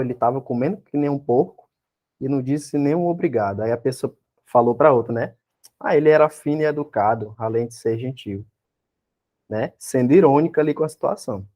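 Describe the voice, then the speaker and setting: A Brazilian man gives an exam-prep lecture in a mellow, warm voice at a middle pitch. He works through each point patiently and keeps asking his class questions to check that they are following. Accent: Brazilian Portuguese. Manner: explains step by step, constantly checks in with tag questions and rhetorical questions. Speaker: teacher.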